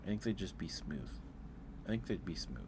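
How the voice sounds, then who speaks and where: Background noise accompanies a man's low-pitched, very animated voice with vocal fry, moving at a moderate pace. He's on an ASMR livestream casually ranking things, hesitating and repeating his phrases as he thinks aloud.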